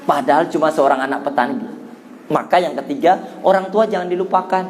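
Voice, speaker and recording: A man's voice: on the high side, brisk, a little hiss or hum. A middle-aged man with a Javanese accent giving an Islamic sermon, telling a childhood story and acting out the voices in it. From Java, Indonesia. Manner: animated storyteller who acts out childhood voices. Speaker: Islamic preacher.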